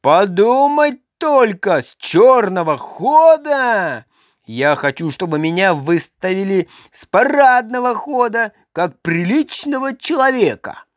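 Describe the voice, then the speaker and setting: A woman voicing a boastful, childish little man who shouts and sulks in a read-aloud story. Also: medium pitch, expressive, slow, no echo, clean studio sound, voice pushed up. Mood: indignant. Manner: shouting, sulky, demanding.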